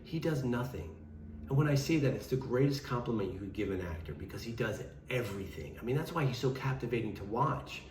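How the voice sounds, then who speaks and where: A man's voice: mid-range voice, darkish tone, a little hiss or hum. A man hosting a scene review show, giving informal, emphatic, conversational commentary to viewers. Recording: roomy, echoing voice.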